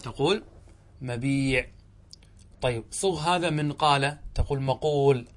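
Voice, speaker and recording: A man, a sheikh teaching Arabic grammar, lectures to students and explains each point step by step. He asks questions and answers them himself, and he reads the text slowly, drawing out the words. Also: medium pitch.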